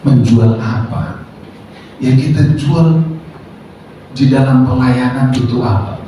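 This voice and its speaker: A male pastor preaching to fellow ministers, moving between quiet storytelling and loud, climbing exhortation. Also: medium pitch, slow, distant mic. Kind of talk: sermon. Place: large church hall. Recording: echoey hall mic with background noise.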